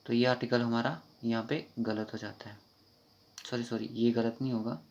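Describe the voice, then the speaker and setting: A man with a Kashmiri accent teaching an online English grammar lesson, explaining quickly and informally and reading the English sentences out slowly. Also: mid-range voice, fairly even intonation, creaky, a little mellow. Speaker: exam prep teacher. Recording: dull lo-fi recording.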